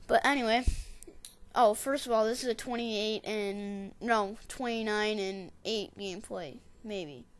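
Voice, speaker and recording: A woman casually narrating her gameplay in a rambling, digressive way, and getting excitable when she tells a story. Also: mid-range voice, a little slow. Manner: excitable, shouts catchphrases when retelling. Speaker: gameplay commentator.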